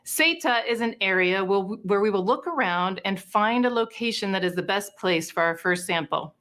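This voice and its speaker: Woman, medium pitch, explanatory, upbeat, space mission presenter, prepared update. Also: lively intonation, moderate pace, a bit bright. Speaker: space mission team member.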